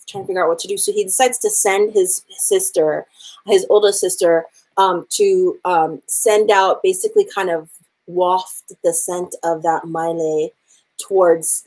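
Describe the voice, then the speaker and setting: A woman's voice: fairly low pitch, low-quality recording. A woman hula teacher telling a legend to her class in a chatty, casual way, with lots of fillers. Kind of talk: casual storytelling.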